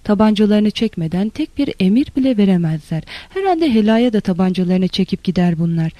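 A narrator reading a literary novel in a steady, even storytelling manner. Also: mid-range voice, a little fast, dry recording. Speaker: audiobook narrator.

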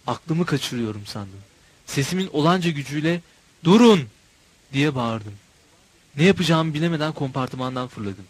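A man narrating a novel in a measured, expressive storytelling voice. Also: medium pitch, rough recording. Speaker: audiobook narrator.

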